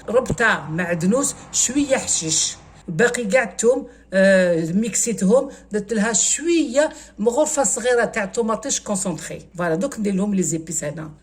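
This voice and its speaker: Hosting a cooking channel, a medium-pitched woman with an Algerian accent casually explains a recipe step by step and slips French words into her talk.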